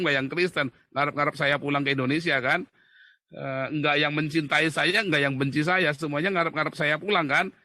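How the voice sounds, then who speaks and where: A man giving an animated, mocking livestream monologue, often calling his listeners brothers. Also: a little high, no room sound, studio quality. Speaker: livestream commentator.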